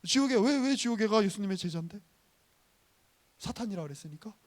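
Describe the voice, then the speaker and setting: Man preaching, high voice, lively and chatty, quizzes the congregation. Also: a little fast. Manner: animated, acts out voices of Jesus and Peter, asks the congregation questions. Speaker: pastor. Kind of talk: conversational sermon.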